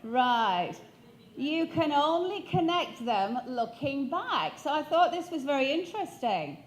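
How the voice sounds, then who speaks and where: A motivational speaker in her fifties from Sheffield, in northern England, gives a keynote on stage into a handheld mic and quizzes the audience with questions. Her voice is high-pitched and very animated, though her pace is measured.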